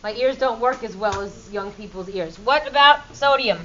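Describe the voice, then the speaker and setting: A woman's voice: fairly high pitch, moderate pace, sharp tone, highs cut off, slight background noise. A middle-aged woman teaching a chemistry class, quizzing students in a playful, upbeat way. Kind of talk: classroom lecture.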